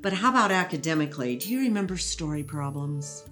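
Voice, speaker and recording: A woman educator explaining thinking skills in a relaxed interview, teacherly and quick to laugh. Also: deep voice, faint music behind. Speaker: educator guest. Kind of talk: conversational interview.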